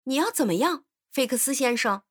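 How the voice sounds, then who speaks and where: A woman voicing a hot-tempered, loyal young male servant in a storybook reading, speaking in loud indignant outbursts. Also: extremely high pitch, animated, brisk, no room sound, studio quality, heavily acted. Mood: impatient.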